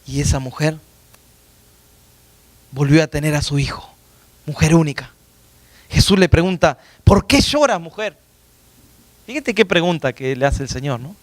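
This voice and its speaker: A pastor preaching a sermon in church, asking the congregation rhetorical questions and calling them brothers, his delivery swinging from loud high peaks to hushed low asides. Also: dry recording. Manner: impassioned preaching with rhetorical questions, calls listeners "hermanos".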